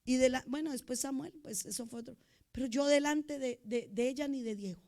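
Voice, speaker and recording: A middle-aged woman pastor, preaching a sermon with emotion, moving between loud outbursts and soft asides. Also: sits high, a little fast.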